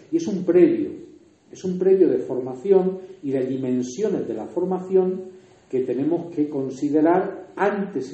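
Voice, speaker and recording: In an echoey hall, recorded from a distant mic with dull sound, a man with a Murcian Spanish accent teaches liturgy to a workshop group. The trainer, from Murcia, Spain, speaks conversationally with examples and asides, in a dark-toned, mid-range voice.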